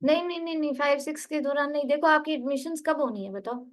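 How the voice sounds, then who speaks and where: A woman's voice: high-pitched, fast, low-quality recording. A woman tutoring a student one-on-one for a spoken English test, patiently correcting word stress and reading. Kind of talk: online tutoring session.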